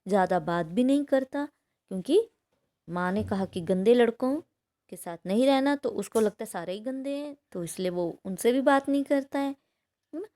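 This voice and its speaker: Here a female teacher reads a chapter's story to her class in a mellow, fairly high voice, animated and at normal speed. Her line-by-line explanation that follows is peppered with "है ना?" checks.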